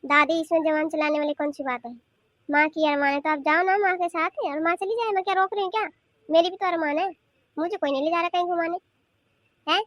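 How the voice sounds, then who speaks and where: A cheeky young cartoon granddaughter talks back in a high, whiny voice, as a woman plays her. She argues and protests without letting up. The sound is dry and close. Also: fairly even intonation, a little fast, a bit bright, dry recording. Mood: stubborn. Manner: talking back, whiny and argumentative. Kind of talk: cartoon voice acting.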